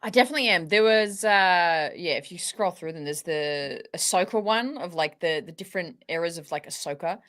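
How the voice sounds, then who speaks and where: Aussie woman chatting on a fan show, kinda low voice, slangy and into it. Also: a little fast, hardly any pauses, a bit bright. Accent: Australian. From Australia. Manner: informal, slangy, enthusiastic. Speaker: co-host of a fan talk show. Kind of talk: casual chat.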